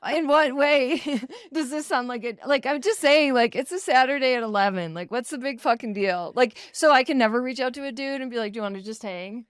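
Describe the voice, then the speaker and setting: A woman's voice: high voice, a little fast, few pauses, clear, resonant tone, no room sound. A woman co-hosting a podcast, talking in a chatty, casual way, laughing often and saying "like" a lot. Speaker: podcast co-host. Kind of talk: casual chat. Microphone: studio mic.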